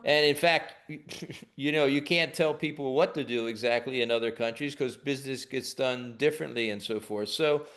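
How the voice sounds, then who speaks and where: Speaking at a moderate pace with a mid-range voice, this middle-aged man from the United States is a leadership expert being interviewed on a webinar. He answers conversationally and easily, frequently starting over.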